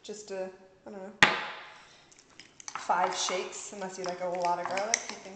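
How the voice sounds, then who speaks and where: Filmed in a big home kitchen, a cooking vlog host in her thirties keeps things casual, chatting and giggling as she cooks. She speaks at normal speed with a medium-pitched voice and flat delivery. The audio, from a camera mic across the room, is echoey with hiss.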